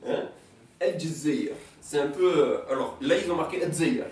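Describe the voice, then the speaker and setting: A teacher giving a beginner's language lesson in a classroom, patiently repeating words slowly and checking that students follow. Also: medium pitch, darkish tone, slight background noise. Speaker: Arabic teacher. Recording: roomy sound from a distant mic.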